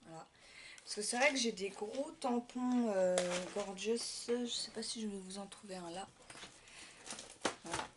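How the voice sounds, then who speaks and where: A woman's voice: medium pitch, measured pace, long pauses, background noise. A woman chatting casually in a haul vlog, showing her craft purchases, talking hesitantly with many fillers and restarts.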